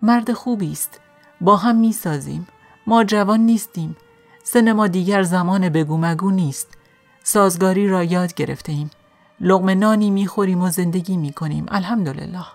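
A woman voicing a kind, motherly older woman who speaks gently and affectionately. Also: lowish voice, soft background music, close to an everyday voice. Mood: gentle, affectionate.

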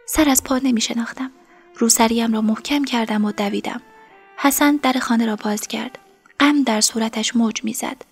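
Breathy, tearful woman narrating. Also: fairly high pitch, fairly even intonation, faint music behind. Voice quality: breathy, whispery. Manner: soft, emotional, tearful storytelling. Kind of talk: dramatized first-person audiobook narration.

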